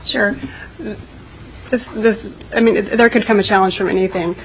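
Flat-toned woman explaining. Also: medium pitch, normal speed, slight background noise, low-quality recording. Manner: matter-of-fact explaining. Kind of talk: answering in a hearing.

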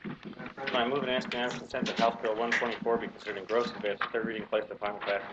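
A man's voice: medium pitch, little pitch movement, very fast. An American man speaking as a majority leader, making formal parliamentary motions to the chair. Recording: dull lo-fi recording, clear background noise.

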